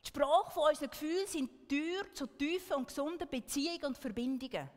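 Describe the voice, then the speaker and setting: A woman's voice: high voice, animated, fast, a little mellow, in a large hall. A woman giving an earnest talk to an audience, often checking in with a questioning "right?". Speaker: speaker.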